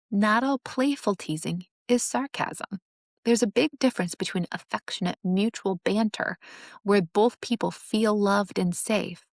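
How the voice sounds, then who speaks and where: In clean studio sound with no echo, a mid-range female host delivers an instructive, sincere lesson on relationships. Along the way she performs sarcastic examples to illustrate what she means.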